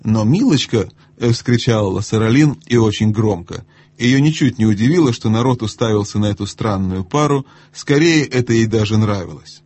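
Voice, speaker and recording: Man, audiobook narration, measured and even, breathy, dry. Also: lowish voice, no echo. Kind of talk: scripted narration.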